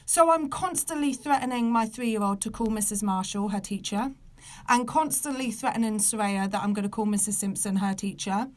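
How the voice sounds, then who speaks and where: A British woman of about thirty with soft R sounds, ranting casually and comically to a live online audience in an exasperated, emphatic, sweary manner. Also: mid-range voice, normal speed. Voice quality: soft, non-rolled R sounds. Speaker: podcast host.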